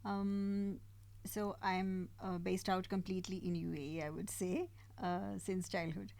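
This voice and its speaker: A woman's voice: on the low side, flat delivery, measured pace, vocal fry, darkish tone. A middle-aged woman from India, a guest artist, talking in eager, friendly casual chat with laughs.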